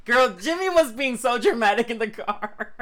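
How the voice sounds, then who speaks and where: A co-host in their twenties, chatting casually with a teasing, dramatic manner and quick quips. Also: mid-range voice, animated, pushed and bright. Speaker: podcast co-host. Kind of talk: casual chat.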